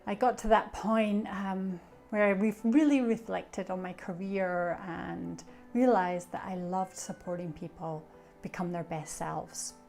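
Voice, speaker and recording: On the low side and steady, her darkish voice carries vocal fry at a measured pace, with faint music in the background. She's a Scottish coach and association treasurer in middle age, introducing herself and offering coaching tips reflectively, with fillers.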